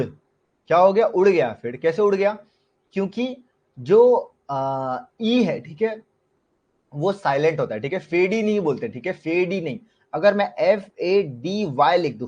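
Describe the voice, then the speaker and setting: A man's voice: fairly high pitch, darkish tone, highs cut off. A man with an Indian accent teaching a live online class, explaining in Hindi mixed with English terms and putting frequent questions to his students. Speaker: shorthand teacher.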